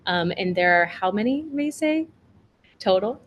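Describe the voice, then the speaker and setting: A woman's voice: medium pitch, expressive, measured pace. Upbeat woman moderator on a video call, chatty with fillers, light hiss behind her. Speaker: panel moderator. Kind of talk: virtual panel discussion.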